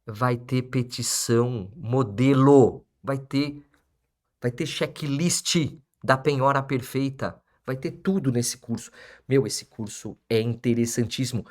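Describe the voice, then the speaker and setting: A man's voice: medium pitch, slow, a little mellow. A man, hosting a live stream as an auctioneer and lawyer, repeating his phrases for emphasis and chatting with viewers.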